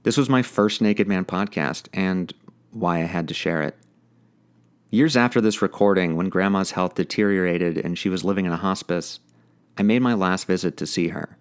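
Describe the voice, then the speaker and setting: Guy reading his podcast script, kinda low voice, reflective and personal. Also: moderate pace, clean tone. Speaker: podcast host.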